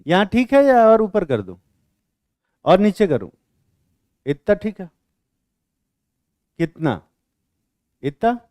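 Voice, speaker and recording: A man teaching chemistry to a class, quizzing students and teasing them in blunt, rough slang. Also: high-pitched, sing-song, takes it slowly, pauses often, a little mellow, no echo, studio quality. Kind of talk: classroom lecture with questioning.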